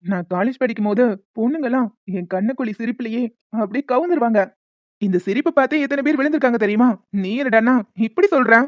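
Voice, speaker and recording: A playful young cartoon husband who won't take no for an answer, voiced by a woman. The voice sits a little high and the lines come out quickly. It is a dry, dull lo-fi recording. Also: dry recording, lightly acted. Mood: teasing. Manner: fast, coaxing banter. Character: teasing young newlywed husband, playful and persistent. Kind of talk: cartoon voice acting.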